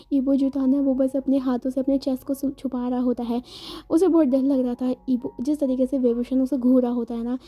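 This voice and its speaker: A woman narrating a story in a chatty, casual way, often correcting herself. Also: high-pitched. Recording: dull lo-fi sound, faint music.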